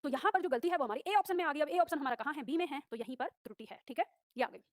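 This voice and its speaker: A woman teacher rushing through exam questions and explaining each answer briskly. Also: high-pitched, no echo, clean studio sound. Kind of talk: exam-prep class.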